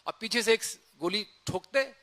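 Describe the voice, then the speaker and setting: A man with a high voice speaks at an ordinary pace while recalling an episode from his army career. He dramatizes the exchanges along the way, keeping the story lively.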